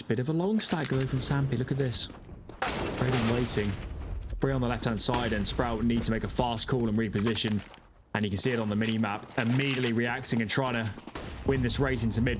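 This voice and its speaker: A man giving analytical live esports commentary as a caster, breaking down the tactics of the play. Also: medium pitch. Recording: noisy, game gunfire behind the voice.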